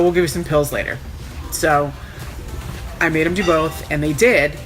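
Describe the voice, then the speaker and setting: Low-voiced woman recovering from surgery, wry. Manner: frank, wry, sarcastic. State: sore and recovering a day after surgery. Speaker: vlogger recounting own surgery. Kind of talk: casual first-person storytelling.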